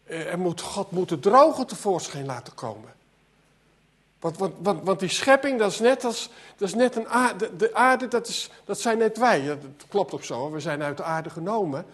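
High-voiced man preaching with rising intensity. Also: animated, normal speed, slightly rough. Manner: earnest, repeats words, voice rises and drops sharply. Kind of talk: sermon.

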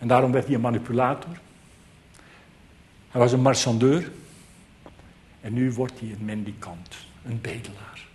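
A man's voice: medium pitch, fairly even intonation, normal speed, pauses often, darkish tone, a little hiss or hum. A man preaching a sermon, earnest and emphatic, repeating key phrases for weight.

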